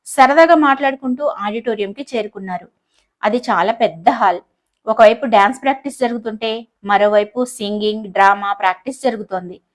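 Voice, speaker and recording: A woman's voice: on the high side, a little fast. Woman narrating a love story audiobook.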